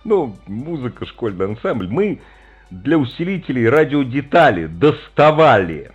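A man's voice: mid-range voice, sing-song, unhurried, husky, lo-fi sound, soft background music. A man in his fifties hosting a call-in radio show, chatty and jokey as he reminisces with callers. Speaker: radio host.

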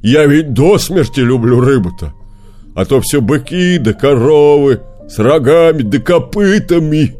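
A man's voice: expressive, dark tone, soft background music. A man voicing a big, greedy old male bear in a storybook reading, roaring and drawing his words out. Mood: coaxing loud. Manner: roaring, drawn-out, booming.

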